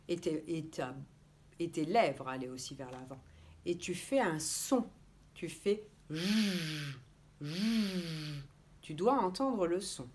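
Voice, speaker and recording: Female preschool teacher, slow and very melodic delivery, carefully sounding out letters for little ones. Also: lowish voice, a little hiss or hum. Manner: gently instructive, addressing children directly. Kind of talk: teaching young children remotely.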